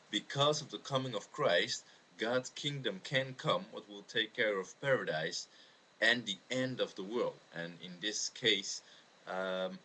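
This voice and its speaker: Recorded on a webcam microphone at home with plenty of background noise, this amateur video maker from the Netherlands responds off the cuff to a viewer's question on religion. He speaks with a Dutch accent in a fairly low, sharp voice, laying out his views in a halting, earnest way.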